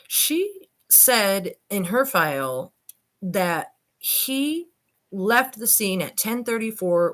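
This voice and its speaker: She reads a transcript aloud in a mid-range, slightly bright voice, commenting informally as she goes. The woman is an online host and commentator who speaks right to listeners, voicing skepticism in asides.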